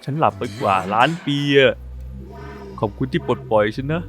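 A man voicing a sleepy old male robot who was woken after ages asleep and talks slowly, drawn-out and grumbling. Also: medium pitch, expressive, a bit bright, soft background music, lightly acted. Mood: amazed.

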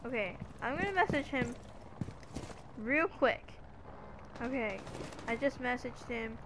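Young female gamer host, high and unhurried, excitable live play-by-play over noisy game audio. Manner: excitable, keeps gasping oh my god. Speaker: gaming channel host. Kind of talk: live gameplay commentary.

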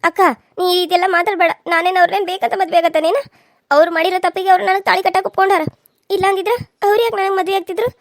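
A woman voicing a gentle, tearful young bride-to-be in a cartoon serial, speaking softly with a North Karnataka Kannada accent. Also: very high-pitched, steady tone, racing, no room sound, studio quality. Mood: pleading. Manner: soft, pleading.

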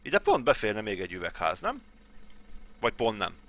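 A man's voice: on the low side, wildly swooping pitch, a bit bright. A man in his thirties from Hungary, casually thinking aloud as he plays through a farm game tutorial at home. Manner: thinking aloud, chatty, mutters to himself. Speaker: gaming channel host.

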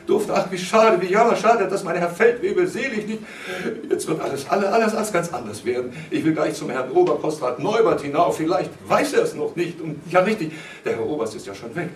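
A man reading aloud, voicing an excited housemaid who chatters hastily and gushingly. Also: lowish voice, very fast, few pauses, a little hiss or hum, close to an everyday voice. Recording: roomy hall, mic far off.

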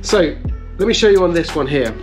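Over music, a car restoration channel host in his thirties speaks in a voice on the high side, animated and brisk. He's at a table in a bright conservatory filled with plants, casually explaining things step by step in a hands-on vlog style.

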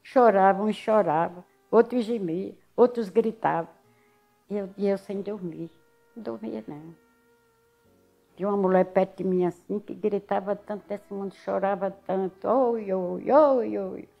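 A woman's voice: medium pitch, normal speed, vocal fry, muffled recording, soft background music. An older woman with a Northeastern Brazilian accent from Alagoas, telling her story in a casual interview and acting out what others said. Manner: lively storyteller who acts out other people's words.

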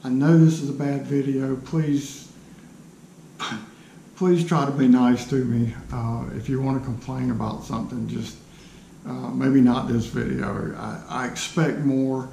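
An older woodturner with a gravelly, mid-range voice introduces his channel in an unscripted vlog to camera, speaking in a level, warm tone. He's halting, hesitant, and self-deprecating. He's indoors in a small, cluttered home workshop, where the sound echoes a bit over faint background noise.

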